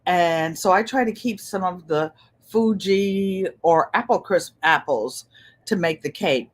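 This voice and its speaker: A woman's voice: on the low side, unhurried. An older woman hosting a craft livestream, chatting casually and reading viewer comments aloud, with an easy laugh. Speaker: craft channel host on a livestream.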